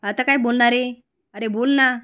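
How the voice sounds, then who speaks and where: A woman's voice: on the high side, fairly even intonation, normal speed, fairly bright tone, clean tone, voice pushed up, natural voice. A woman voicing an angry middle-aged village mother who scolds and accuses her brother. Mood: scolding.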